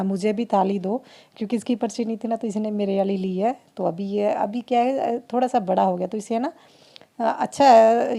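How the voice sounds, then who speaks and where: A woman's voice: medium pitch, creaky, mellow. A woman, chatting through a family vlog in a rambling, heartfelt way. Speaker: family vlogger. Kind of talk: casual vlog narration.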